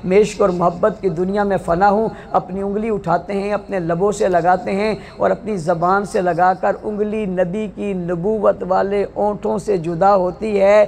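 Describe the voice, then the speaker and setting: A male preacher with a Pakistani Urdu accent, giving an impassioned, rhythmic religious speech to women that rises to shouted, sing-song peaks. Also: sits high, steady tone, moderate pace, gravelly, hardly any pauses. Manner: repetitive, rhythmic delivery.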